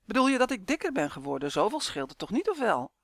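A man reading a storybook aloud, voicing a lively grown woman who is a boy's mother, emphatic and quick to exclaim. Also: high voice, dry recording, clean studio sound, voice pushed up, full character voice. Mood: indignant.

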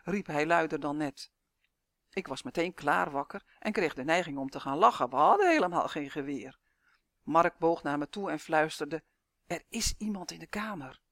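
A narrator tells a first-person story in a calm, measured way. The voice sits at an ordinary middle pitch. It is recorded close and dry, with no room sound. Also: no echo.

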